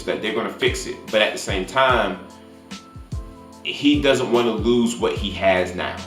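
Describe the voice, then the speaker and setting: In a roomy, echoing space with faint music behind, a man hosting a film review channel gives an informal, spoiler-filled movie recap. His voice sits fairly low in pitch but sounds a bit bright.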